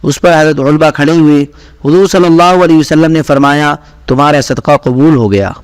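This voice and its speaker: A man reading aloud scripted narration of religious stories in a steady, even manner. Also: on the high side, clean tone, dry recording. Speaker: reader.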